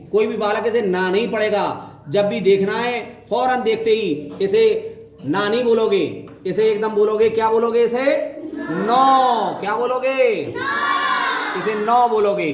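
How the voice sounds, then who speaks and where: High-voiced man teaching Hindi letters. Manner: repetitive, asks questions and answers them; calls out sounds loudly. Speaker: primary school teacher. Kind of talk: Hindi reading lesson at a board. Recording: echoey room with faint noise.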